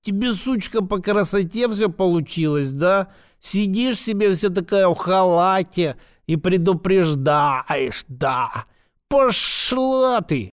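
A squealing, drunk woman with an almost childlike, piercing voice, as a male reader puts her on. She screeches and swears in a high pitch that is well above the reader's own voice. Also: animated, takes it slowly, smooth. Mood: shrill drunk.

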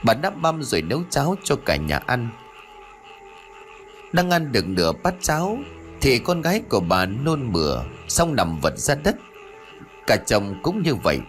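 A man narrating a ghost story in a dramatic, expressive way. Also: medium pitch, a little slow, pauses often. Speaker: audiobook narrator. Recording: soft background music.

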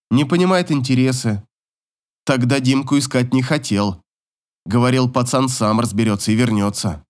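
A man reading a first-person story audiobook, telling it in an emotional, dramatic way. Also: mid-range voice. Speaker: audiobook narrator.

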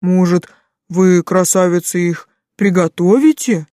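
A woman voicing a folksy, grandfatherly old male village fisherman in an audiobook, with a booming, drawling, coaxing manner. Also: a little slow, mellow, no room sound, clean studio sound, natural voice. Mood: flattering. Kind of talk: audiobook character voice.

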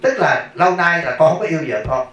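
Monk giving a casual dharma talk, laughing and questioning the audience. Slightly high male voice, picked up from far off in a very echoey room. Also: animated, quick pace, fairly bright tone. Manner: chatty storytelling, laughs often, asks the audience questions. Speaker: Buddhist monk teacher.

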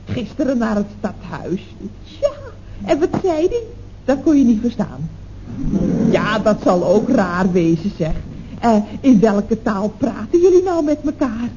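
An actress playing a chatty, gossiping office secretary in a 1960s radio comedy, exclaiming down the telephone. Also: female voice, on the high side, sing-song, measured pace. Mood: gossipy. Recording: dull old radio recording with faint hiss.

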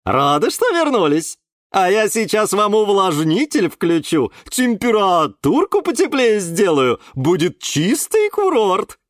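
A man's voice: sits high, huge pitch swings, measured pace, dry recording, studio quality, pitched above the performer's own voice, full character voice. A man voicing a kindly, chatty woman who keeps a greenhouse and coos at her plants in a storybook. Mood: cooing. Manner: cooing, nonstop chatter.

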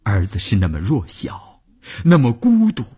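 A man reading a novel aloud for radio, highly expressive, sinking to whispers and swelling again. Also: measured pace, breathy edge.

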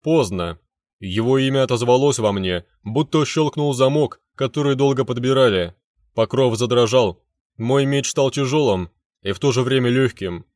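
A man's voice: mid-range voice, moderate pace, a little mellow, no room sound, studio quality. A man reading a first-person fantasy story aloud with intense, dramatic delivery. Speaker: narrator.

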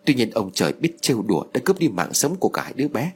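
A man's voice: mid-range voice, big pitch swings, fast talker, husky. A man reading an audio story, voicing a grief-stricken older mother who wails and blames her husband. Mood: distraught. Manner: tearful, pleading outbursts.

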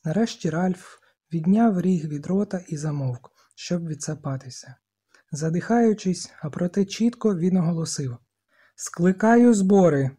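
An audiobook reader narrating a novel in a steady, measured way. The voice is mellow and warm with a slightly husky grain. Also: mid-range voice. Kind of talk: scripted narration.

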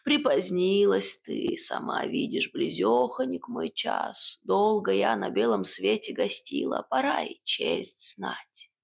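A woman voicing a stern, dying old witch with a hoarse, mumbling voice, speaking slowly and heavily. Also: mid-range voice, sing-song, exaggerated voice. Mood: weary. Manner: slow, heavy and commanding.

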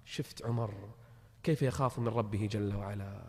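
A man's voice: on the low side, moderate pace. A man preaching a sermon, telling stories with impassioned, swelling emphasis. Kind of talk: sermon storytelling. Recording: long hall reverb.

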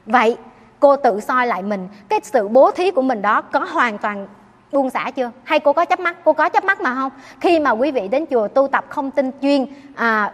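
A Buddhist nun gives an earnest dharma talk, often turning questions back on her listeners. Her voice rings with the long reverb of a large hall. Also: sits high. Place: temple hall.

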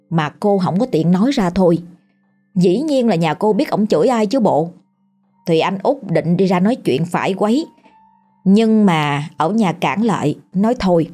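A woman's voice: fairly low pitch, mellow. A woman with a Southern Vietnamese accent telling a ghost story in a chatty, colloquial way.

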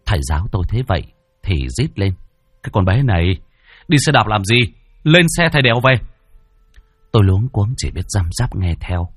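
A man's voice: low-pitched, darkish tone, breathy edge, no room sound, clean studio sound. A man narrating a first-person ghost story dramatically.

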